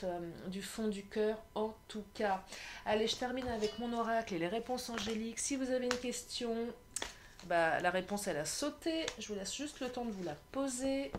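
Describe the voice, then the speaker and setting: Effusive, halting French woman reading tarot. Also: on the high side, noisy background. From France. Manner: effusive, halting, full of restarts; speaks warmly to her viewers as dear friends. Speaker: tarot card reader. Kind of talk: casual tarot reading vlog.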